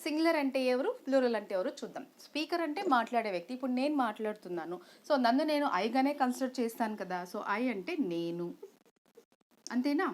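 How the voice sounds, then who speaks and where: A woman's voice: a little high, animated, fast. A woman with a Telugu accent teaching an online English grammar lesson, explaining step by step and asking rhetorical questions, switching between Telugu and English.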